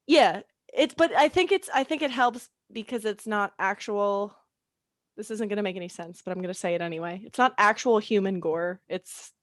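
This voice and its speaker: A woman's voice: mid-range voice, normal speed, no room sound, clean studio sound. A young woman co-hosting a podcast in casual chat, rambling and giggly. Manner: chatty, giggly, rambling asides. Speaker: podcast co-host.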